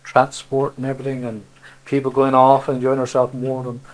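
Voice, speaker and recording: Speaking fairly quickly in a completely flat, mid-range voice, this older man from Cornwall, England recalls the past in loose, rambling stories sprinkled with "see" and "you know." He has a Cornish accent and is being interviewed as a local dialect speaker. It's a low-quality recording.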